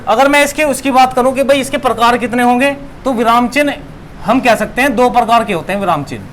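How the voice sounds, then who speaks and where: A young man with a high voice teaches a lesson, repeating each key term and posing questions he answers himself. There is a faint hiss of room noise behind him. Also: quick pace, a bit bright. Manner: repeats key words, asks and answers his own questions. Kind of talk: classroom lesson.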